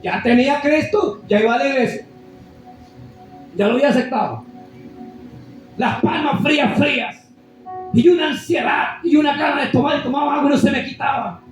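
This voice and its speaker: A man preaching an impassioned, shouted testimony sermon as an evangelist in a church. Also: extremely high pitch, normal speed, long pauses, heavy reverb, far from the mic, soft background music.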